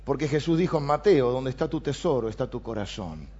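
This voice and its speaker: A man with a Rioplatense Spanish accent, preaching a sermon and reading scripture aloud with animated emphasis. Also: mid-range voice, fairly quick. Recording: dull lo-fi sound.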